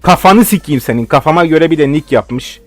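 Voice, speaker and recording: A young man commenting on his own football game as he plays, with a slightly high voice. He rants and swears nonstop at his opponents. Soft music plays behind him. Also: expressive, brisk, dry recording. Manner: frustrated ranting, heavy swearing. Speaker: gaming video host.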